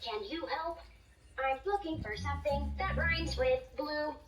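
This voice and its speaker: This learning toy voice, a cheerful little robot tutor performed by a voice actor, sits high and unhurried, delivering upbeat, sing-song encouragement. Heard from a distant toy speaker in a roomy space with music, it also competes with a loud crowd.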